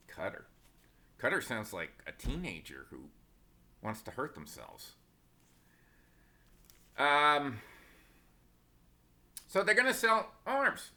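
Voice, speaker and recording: Sarcastic man, lively bright voice. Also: medium pitch. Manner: sarcastic, opinionated, rambling asides. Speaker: stock market commentator. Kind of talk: casual market commentary.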